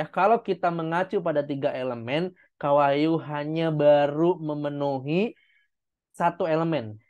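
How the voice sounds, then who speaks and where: Over a video call with dull audio, a man coaches an online public speaking class, offering encouraging feedback and explaining each step with demonstrations. His voice sits a little high with a darkish tone.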